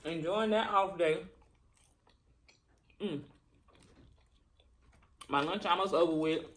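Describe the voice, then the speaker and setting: Chatty woman, chewing while talking. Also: on the low side. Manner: chewing while talking, pausing between bites; chatty, colloquial, rambling. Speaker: mukbang vlogger. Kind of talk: casual chat to viewers while eating.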